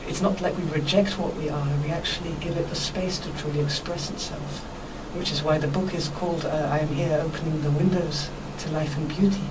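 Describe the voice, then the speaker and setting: A woman being interviewed on radio as a workshop teacher, explaining spiritual ideas in an earnest, reflective, measured way. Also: sits low, steady tone. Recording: noisy, distant microphone.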